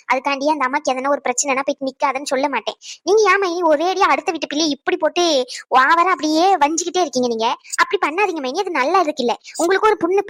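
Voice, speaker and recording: A woman's voice: high-pitched, a bit bright. A woman voicing an outspoken middle-aged woman relative who lectures her sister-in-law. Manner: scolding, lecturing.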